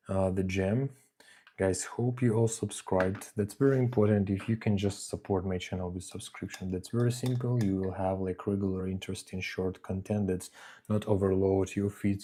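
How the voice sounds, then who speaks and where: A man from Ukraine with halting English and many fillers, chatting casually on a live painting stream. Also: fairly low pitch, dark tone. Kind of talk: live-stream hobby chat. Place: home hobby desk.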